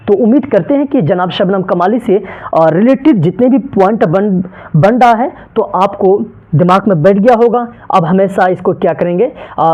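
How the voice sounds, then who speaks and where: A woman teacher giving an exam-prep lecture, repeatedly asking and answering her own questions. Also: mid-range voice. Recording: dull lo-fi recording.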